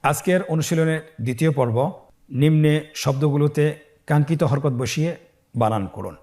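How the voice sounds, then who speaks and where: A man teaching Quran reading in a recorded lesson, slowly spelling out syllables and calmly guiding learners. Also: a little high. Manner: slow, drawn-out syllable-by-syllable spelling drills; calm, patient instructing tone.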